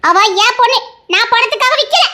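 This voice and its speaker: High shrill defiant mother, fast and bright, sharp scolding tone, audio drama. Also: animated, heavily acted. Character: defiant middle-aged mother refusing a gangster suitor. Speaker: bride's mother.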